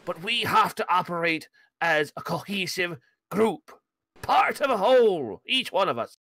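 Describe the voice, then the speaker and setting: Man playing an emphatic, high-pitched stubborn dwarf fighter. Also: animated, measured pace, bright, forceful tone, exaggerated voice. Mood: firm, reproachful. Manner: emphatic, oratorical, repeats phrases for effect. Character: earnest, stubborn male dwarf fighter, loyal and reproachful.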